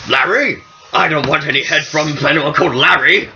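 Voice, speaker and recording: A man's voice: fairly high pitch, normal speed, bright, forceful tone. A man, a tabletop game player, talking in a playful, self-mocking way. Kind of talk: casual chat around a tabletop game. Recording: dull lo-fi with music behind.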